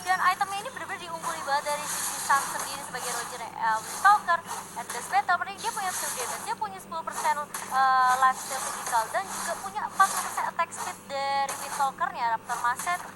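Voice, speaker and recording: A woman's voice: high-pitched, expressive, fast, poor audio. A woman giving esports match commentary and analysis as a caster. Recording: loud music and game sound behind.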